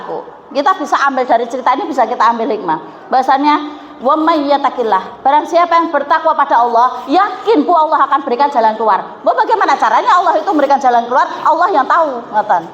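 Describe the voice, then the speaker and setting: High-voiced woman preaching. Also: fairly bright tone, a little hiss or hum. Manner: conversational, questions the audience often, acts out quotes. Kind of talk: sermon. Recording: echoey hall, dull lo-fi sound.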